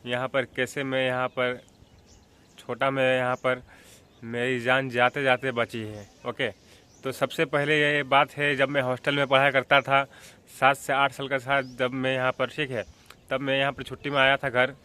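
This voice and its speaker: A man's voice: medium pitch, flat delivery, moderate pace, sharp tone. Rambling young man telling a childhood story. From Jharkhand, India. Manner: rambling, with frequent filler checks like "theek hai" and "hai na"; clears his throat often. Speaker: vlogger. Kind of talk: casual storytelling vlog.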